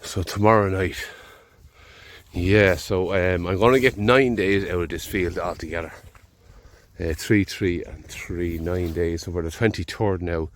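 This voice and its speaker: Speaking a little slowly in a low pitch, an Irish man films casual vlog narration outdoors in his field, with slight background noise. Fighting off a head cold, he rambles in a relaxed way and thinks out loud.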